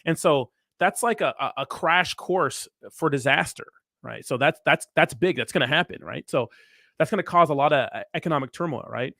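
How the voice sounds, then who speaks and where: A man's voice: a little high, normal speed, vocal fry, a bit bright, dry recording, studio quality. A man hosting a casual livestream, talking with hyped frat-bro slang and swagger. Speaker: crypto livestream host.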